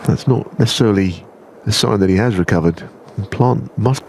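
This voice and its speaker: A man giving understated, analytical snooker commentary in the hushed, measured manner of a golf commentator. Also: fairly low pitch, gravelly, background noise.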